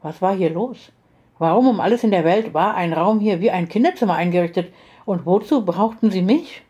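A woman narrating a first-person story in an audiobook style. Her reading is steady and expressive, and her voice carries a dark, mellow tone. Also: mid-range voice. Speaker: audiobook reader.

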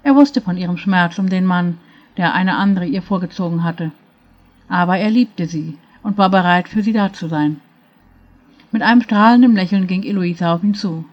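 A woman reading a fairy tale aloud in a calm, measured storytelling manner. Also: on the low side, lo-fi sound.

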